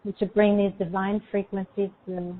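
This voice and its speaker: A woman speaking in a soothing, unhurried way with pauses between phrases, as if leading a guided meditation. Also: mid-range voice, flat delivery. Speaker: guest energy healer leading a guided meditation. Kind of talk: guided meditation and spiritual talk. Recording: tinny, phone-like call audio.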